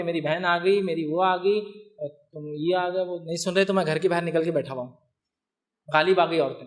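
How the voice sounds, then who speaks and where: High-voiced man giving a lively talk. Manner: lively, rhetorical questions to the crowd, teasing humor. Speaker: lecturer. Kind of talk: religious talk to an audience.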